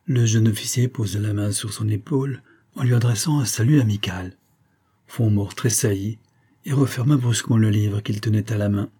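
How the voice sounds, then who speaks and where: A man reading a historical novel aloud in measured, even narration. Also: fairly low pitch, breathy edge. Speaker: audiobook narrator. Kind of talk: scripted narration.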